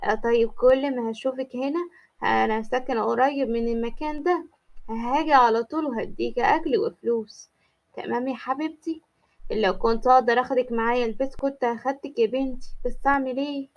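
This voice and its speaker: A woman with an Egyptian accent voicing a gentle, caring middle-aged mother who speaks tenderly and coaxingly. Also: a little high, fairly even intonation, fast, highs cut off, lightly acted. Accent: Egyptian Arabic.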